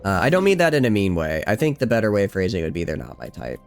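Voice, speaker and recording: Low, lively hushed male streamer. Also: very fast, creaky, soft background music. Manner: speaks quietly, rambling and self-joking. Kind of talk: casual gameplay commentary. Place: at home at night.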